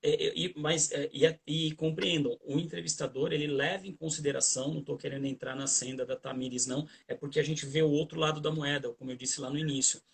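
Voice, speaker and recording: A man's voice: on the high side, fairly even intonation, quick pace, vocal fry, few pauses. A Brazilian man, a guest trainer on a livestream video call, giving conversational advice with hesitant restarts and repeated fillers.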